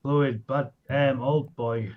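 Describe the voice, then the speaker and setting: Guy chatting on a stream, tinny tin-can sound, dull lo-fi, no bass. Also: fairly even intonation, slow. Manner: blunt and swearing. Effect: tinny, trebly sound with no bass, like from inside a tin can. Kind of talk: casual chat on a live stream. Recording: dull, lo-fi tinny call audio.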